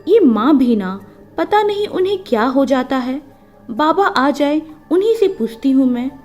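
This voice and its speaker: A woman voicing a young village daughter just back from her city studies, bright, pleading and quickly alarmed. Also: high voice, lively intonation, soft background music. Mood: impatient.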